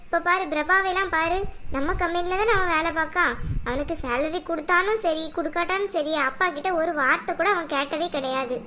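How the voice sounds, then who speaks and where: Cartoon part: bossy mother-in-law, scolding and commanding, bright and high, a woman voices her. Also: brisk. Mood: firm. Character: stern older mother-in-law, domineering. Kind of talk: cartoon voice acting.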